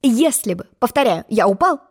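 A puffed-up, self-important egg from a storybook lectures in a high, sing-song voice, as a woman acts him out. His pitch leaps about eagerly, and every reply drips with condescension. He takes offense at the slightest remark. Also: sing-song, slightly rough. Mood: haughty. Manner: haughty, lecturing, quick to take offense. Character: pompous boastful egg-shaped male storybook character. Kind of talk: storybook reading.

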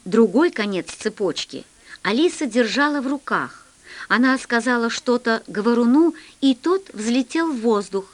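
A woman narrating a children's science fiction story in an expressive storytelling manner. Her voice sits fairly high. Her reading is scripted and even. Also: normal speed. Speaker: audiobook reader.

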